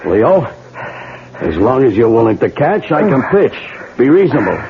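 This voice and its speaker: Wheedling, violent ex-con thug, slangy, tinny old radio sound. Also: male voice, medium pitch, very animated, moderate pace. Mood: persuasive. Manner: coaxing, threatening, street slang. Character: menacing male ex-convict crook, wheedling then violent. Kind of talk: 1970s radio drama acting.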